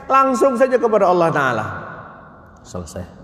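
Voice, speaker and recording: A man preaching a lively mosque sermon, acting out dialogue and quoting Arabic verses. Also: sits high, moderate pace. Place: mosque hall. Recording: echoey mosque hall.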